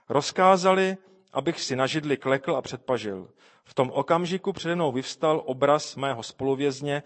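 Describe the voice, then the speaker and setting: Earnest man reading aloud, higher voice. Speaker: reader. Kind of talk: reading a first-person testimony aloud.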